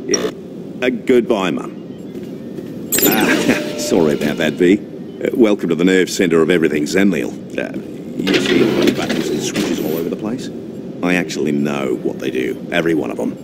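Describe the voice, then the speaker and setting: An actor playing an awkward, sheepish male technician in a video game, halting and stammering. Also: sits low, lively intonation. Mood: sheepish, proud. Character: awkward, sheepish mother's boy technician, proud of skills. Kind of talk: video game character acting. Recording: loud background noise.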